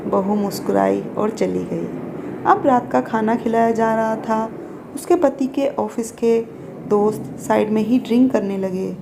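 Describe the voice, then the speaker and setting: A woman narrating a moral family story in a steady, plain storytelling way. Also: mid-range voice, unhurried, gravelly, noisy background.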